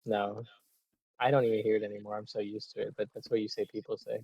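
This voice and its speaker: Low-voiced teasing man, faint noise. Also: flat delivery, fast, gravelly, a little mellow, dull audio. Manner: teasing, dry ribbing. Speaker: co-player. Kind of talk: casual gameplay chat.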